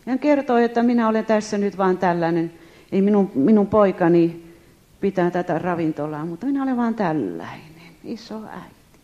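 A woman tells her testimony to a gathered audience, her pitch rising and falling with animation. Her voice is warm and mellow. The recording sounds dull and lo-fi. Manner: lively, addresses listeners directly. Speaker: speaker giving a testimony.

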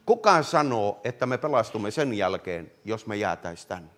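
A man preaching a fervent revivalist sermon, swinging from loud calls to hushed words and often addressing listeners directly. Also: on the low side, big pitch swings. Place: meeting hall.

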